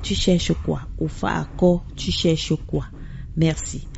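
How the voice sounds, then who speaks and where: A woman hosting a radio language lesson, slowly repeating words after a guest to learn their pronunciation. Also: low-pitched, fairly even intonation, gravelly, a little mellow, dull audio, a little hiss or hum. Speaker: radio host.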